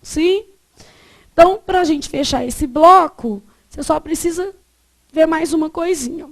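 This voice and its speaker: A woman teaches a grammar lesson. Her voice sits high and she talks at an unhurried pace. She keeps putting questions to the class and then answering them herself.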